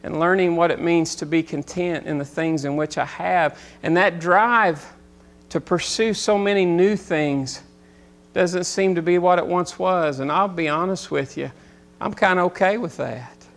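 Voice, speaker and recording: A man in his forties preaching a sermon as pastor, rising loud and intense at times, then dropping into quiet, reflective talk. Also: on the high side, a little slow. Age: 40s.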